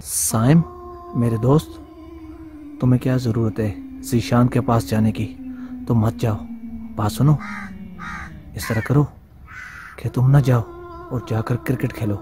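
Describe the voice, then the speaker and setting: A man's voice: mid-range voice, steady tone, measured pace, pauses often, natural voice. A man playing a sly male devil who coaxes and pleads, repeating himself to tempt a boy. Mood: coaxing. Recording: noisy amateur recording.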